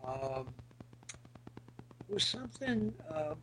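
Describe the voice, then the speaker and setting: A middle-aged man with a raspy, gravelly, gritty voice, reminiscing casually as an interview guest in a halting, searching way. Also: sits high, very animated, a bit bright, rough recording. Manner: halting, hesitant, searching for words. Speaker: podcast guest, former military band musician.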